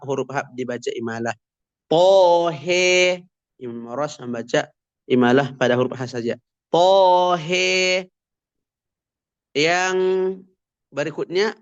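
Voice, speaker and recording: A man teaching tajwid recitation rules, explaining each rule and then slowly and emphatically reciting the example words. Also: on the high side, highs cut off.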